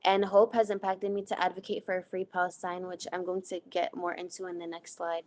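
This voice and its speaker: A woman's voice: on the low side, level tone, a little fast, darkish tone. A young woman from the United States, presenting a class project in an earnest way, reading from her slides with frequent fillers. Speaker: student presenter.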